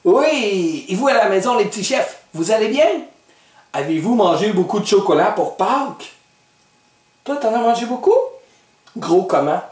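A man's voice: high-pitched, animated, normal speed, darkish tone, far from the mic. Québécois man hosting a kids' cooking lesson, teasing and patient, recorded from afar in an echoey room. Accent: Québécois French. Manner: playful, teasing, patiently instructive. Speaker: host of a kids' cooking show.

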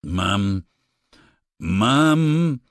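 A man voicing a slow, childlike giant. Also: fairly low pitch, lively intonation, no room sound, clean studio sound. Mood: eager. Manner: simple, eager, slow and halting.

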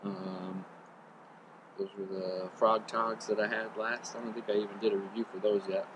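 A man in his thirties giving a relaxed, rambling gear review to a camera on a riverbank. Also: lowish voice, normal speed, muffled recording, noisy background. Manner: relaxed, chatty, rambling with ums. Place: outdoors on a riverbank. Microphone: camera on tripod a few meters away.

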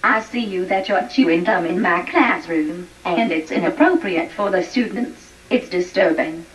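A woman's voice: on the low side, normal speed, lightly acted. Synthetic female voice as a strict scolding teacher. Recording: distant, dull TV-speaker sound.

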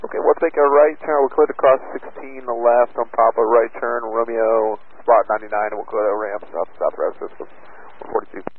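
Brisk pilot over a tinny radio. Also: male voice, medium pitch, steady tone. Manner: brisk, with fillers between readbacks. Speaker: airline pilot. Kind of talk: radio readbacks to air traffic control. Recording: tinny aircraft radio with faint hiss.

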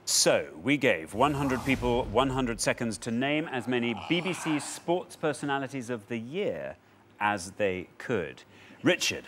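A man with an English accent hosting a studio quiz show, announcing rules and scores in a brisk, upbeat way. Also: medium pitch, animated, fairly bright tone, a little hiss or hum. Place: television studio.

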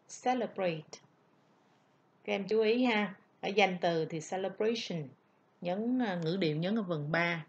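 A woman's voice: fairly low pitch, dull audio. A woman English teacher with a Vietnamese accent, whose native language is Vietnamese, giving an online vocabulary lesson and carefully repeating each word as a model.

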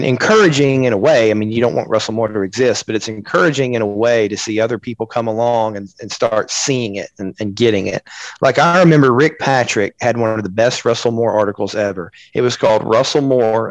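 A man's voice: mid-range voice, no echo, rough recording. A man co-hosting a podcast, talking in a blunt, insistent and defensive way. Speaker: podcast co-host. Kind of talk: casual podcast discussion.

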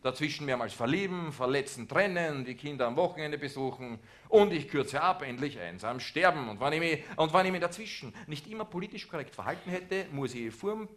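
A man's voice: a little high, animated, fairly quick, few pauses, a bit bright. A man with an Austrian accent performing a sarcastic satirical monologue on a cabaret stage, ranting at the audience. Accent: Austrian German. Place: theater stage.

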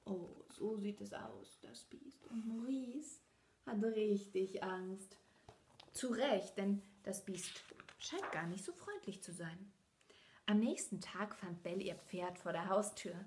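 A woman reads a storybook aloud to young children at an unhurried, slow pace. She often drops into a whisper for suspense and turns aside to talk with her listeners, at a middle pitch. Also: darkish tone. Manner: talks directly to children between passages. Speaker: children's book reader.

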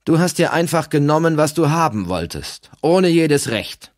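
A man's voice: fairly high pitch, sing-song, moderate pace, no echo, clean studio sound, voice pushed up. A man reading aloud, voicing a determined young Norse leader who pleads earnestly. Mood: insistent.

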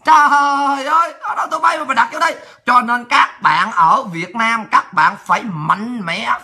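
Brash fast-talking woman. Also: high voice. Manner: brash, profane, laughs and shouts often. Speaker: political livestreamer. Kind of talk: ranting monologue.

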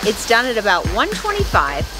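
A woman's voice: fairly high pitch, wildly swooping pitch, brisk. Chatty woman hosting a cooking vlog. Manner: chatty, upbeat, giggly. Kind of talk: casual cooking demonstration. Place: small RV kitchen. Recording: roomy with background music.

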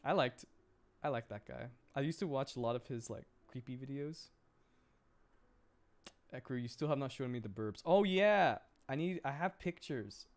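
With faint music playing behind him, a young man rambles playfully through a casual gaming livestream, frequently breaking into laughter. He speaks at a normal speed in a mid-range voice with lively intonation.

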